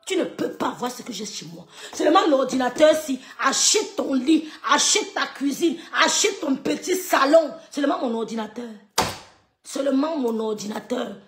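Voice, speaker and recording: High-pitched woman going off at her haters, scornful and mocking. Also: animated, moderate pace, roomy sound. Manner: scornful, mocking, repetitive insults. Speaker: social media live streamer. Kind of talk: heated rant at online critics.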